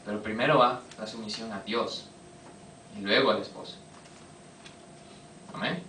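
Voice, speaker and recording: A man preaching a sermon, firing quick questions at his congregation. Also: lowish voice, fairly even intonation, sharp tone, slight background noise. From Costa Rica. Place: church hall. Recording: echoey hall, voice from a distance.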